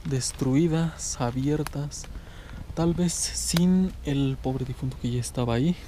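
A man's voice: medium pitch, takes it slowly, dark tone. A man in his twenties with a Mexican accent hosting a casual night exploration vlog outdoors in short, slangy phrases. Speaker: vlog host. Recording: noisy outdoor phone video.

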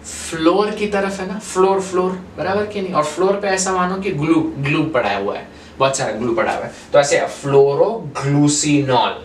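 A man teaching a chemistry lesson at a whiteboard, keeping the class involved with questions and slipping English terms into his explanations. His voice sits a little high for a man. He is recorded from some distance in an echoey room with a faint hiss underneath. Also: moderate pace. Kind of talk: whiteboard lecture. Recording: echoey room, far from mic, faint noise.

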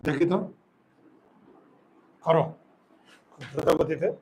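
A male teacher giving a grammar lesson, asking his students questions and slowly repeating words for them. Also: on the high side, darkish tone. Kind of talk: classroom lesson.

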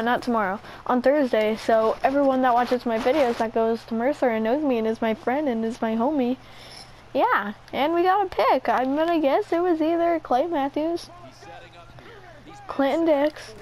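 A woman playing a video game and commentating excitedly, shrieking and squealing at every play, with a sore throat. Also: sits high, slight background noise, low-quality recording. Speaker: gamer. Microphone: headset mic near the ear.

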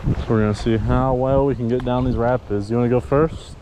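Speaking fairly quickly at a medium pitch, a young man vlogs his fishing trip on a river, casually coaching a buddy from his paddle board in an easygoing, talkative manner. The audio is low quality, captured by an action camera on the board, with the noise of running water behind him.

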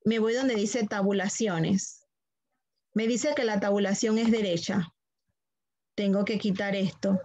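A woman's voice: mid-range voice, fairly even intonation, a little slow, long pauses, a little mellow, no room sound. A woman teaching a computer class online, walking students through steps patiently, repeating them and checking that they follow.

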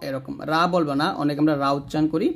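A man teaching Quran pronunciation, slowly drilling each syllable. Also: on the high side, fairly even intonation, gravelly. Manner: slow drilled syllable repetitions. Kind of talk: step-by-step pronunciation lesson.

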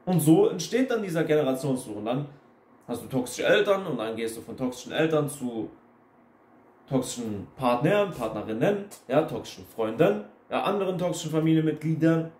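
A man's voice: fairly high pitch, sing-song, moderate pace, darkish tone. A young man talking bluntly to camera in a casual, repetitive lecturing monologue, mixing in English phrases. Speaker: self-help video host. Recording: echoey room.

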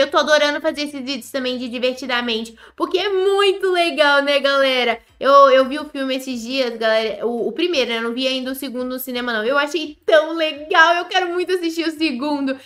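A woman with a Brazilian Portuguese accent giving chatty, excitable commentary on a game she is playing, often talking straight to her viewers. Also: sits high. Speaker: gaming YouTuber. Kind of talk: Roblox gameplay commentary.

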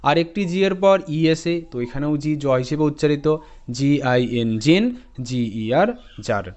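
A man teaching English phonics, spelling each word letter by letter and repeating it slowly, and checking in with his students. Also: fairly high pitch, darkish tone, smooth. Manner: addresses students directly with "ঠিক আছে?". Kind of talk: phonics lesson.

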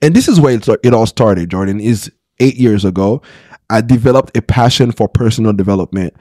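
A pastor in his thirties gives a candid, earnest account of his life in an interview, often restarting and asking "right?". His fairly low, a little mellow voice runs a little fast, with no room sound on a close podcast mic in a small studio.

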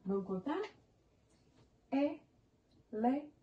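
Speaking slowly and animatedly in a mid-range voice, a primary school teacher counts syllables of animal names with young children in Brazilian Portuguese. She is encouraging, spells the words out in syllables, and praises the kids along the way. The audio is dull, captured from a distant mic.

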